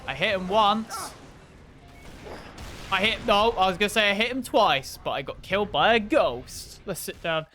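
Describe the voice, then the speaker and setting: A young man streaming a game, rambling in casual commentary, swearing freely and breaking into excited outbursts. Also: high-pitched, normal speed, faint music behind.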